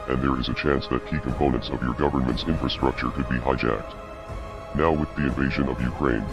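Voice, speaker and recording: Disguised pitched-down deep male voice. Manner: cold, measured and ominous. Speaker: anonymous activist spokesperson. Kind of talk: scripted statement. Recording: dull lo-fi audio, music behind.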